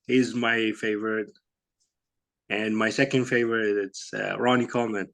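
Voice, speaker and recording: A man, answering interview questions in a halting, casual way with many fillers and soft laughs. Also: fairly low pitch, flat delivery, vocal fry. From Iraq. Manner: halting, lots of "you know" and "like", laughs softly. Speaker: guest, bodybuilder.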